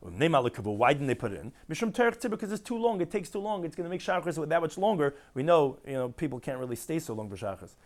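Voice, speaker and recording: A man's voice: on the high side, big pitch swings, fast, hardly any pauses, darkish tone. A man teaching a daily Talmud class, explaining each term in English with rhetorical questions. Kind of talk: Talmud lecture mixing Hebrew and Aramaic terms with English explanation.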